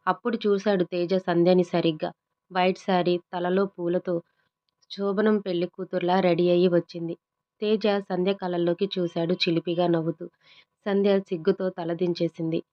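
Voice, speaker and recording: A woman's voice: on the low side, little pitch movement, moderate pace. A woman storyteller reading a love story aloud and voicing every character herself in a plain voice. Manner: reads all the parts herself in a plain voice. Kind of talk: scripted narration of a love story. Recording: dull lo-fi recording.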